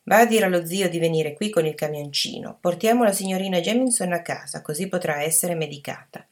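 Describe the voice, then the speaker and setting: Woman reading as a brisk, firm aunt. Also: on the low side, close to an everyday voice. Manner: firm, motherly instructions. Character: brisk middle-aged aunt, practical and firm.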